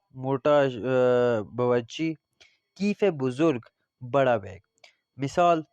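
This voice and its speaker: A male teacher with a Pakistani Urdu accent giving a Persian language lesson, reading phrases slowly and then explaining them. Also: mid-range voice, a little mellow, smooth, no echo. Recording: slightly dull lo-fi audio.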